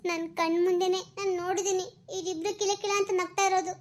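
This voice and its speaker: A woman voicing a jealous, sharp-tongued young wife in an animated drama, scolding and accusing. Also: very high voice, fast talker. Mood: furious.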